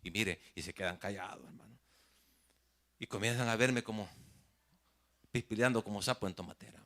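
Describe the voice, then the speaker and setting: A man's voice: on the low side, normal speed. A man from El Salvador, a pastor telling stories in a Sunday sermon and often addressing the congregation as "brother". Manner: animated storyteller, often says "mi hermano". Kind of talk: sermon with storytelling. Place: church.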